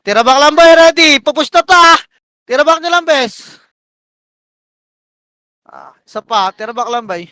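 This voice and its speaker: A man calling shots for his team in live game voice chat, barking rapid commands and countdowns and swearing. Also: very high voice, lively intonation, bright, forceful tone, dry recording. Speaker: team shotcaller.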